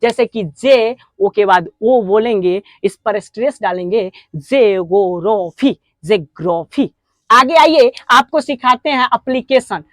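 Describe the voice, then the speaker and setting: A woman with an Indian accent teaching spoken English, breaking words into slow, stressed syllables. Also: fairly high pitch, animated, fairly bright tone, no echo. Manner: drawn-out, stressed syllable drills. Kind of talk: classroom lesson.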